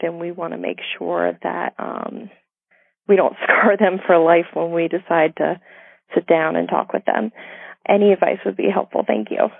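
Brief: woman caller in her thirties leaving a voicemail over a landline phone, with a tinny, dry phone sound and a hesitant delivery full of pauses. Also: on the low side, gravelly, no echo. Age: 30s. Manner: hesitant, pausing with many ums.

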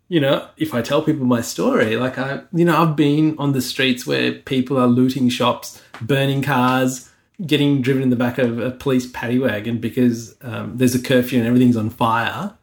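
A middle-aged Sri Lankan man co-hosts a casual podcast, speaking in a mid-range, steady voice at normal speed. Earnest and reflective, he goes through a list one item at a time.

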